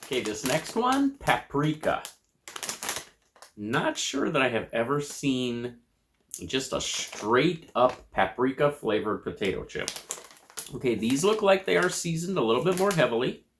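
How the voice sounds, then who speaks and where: An American man giving a casual food review to camera in a measured, descriptive way, crunching and chewing chips between remarks. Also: mid-range voice, sing-song, fairly bright tone, slight background noise. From United States.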